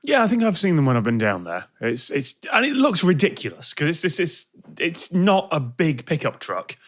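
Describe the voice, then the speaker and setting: A man's voice: fairly high pitch, big pitch swings, moderate pace, a bit bright. A man hosting a comedy panel game, breezy and laughing often. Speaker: game show host.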